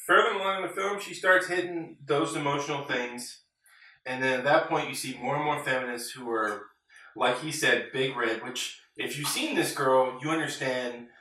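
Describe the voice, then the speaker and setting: A man's voice: mid-range voice, normal speed, pushed and bright. A man giving opinionated, emphatic takes in a casual film discussion as one of a panel of reviewers. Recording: very echoey room, far from mic.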